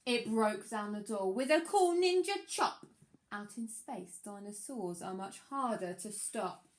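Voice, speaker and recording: A woman with a medium-pitched voice reads a children's picture book at a measured pace, sounding like a primary teacher. She's expressive and hits the rhymes with dramatic emphasis, and there's a little hiss or hum in the recording.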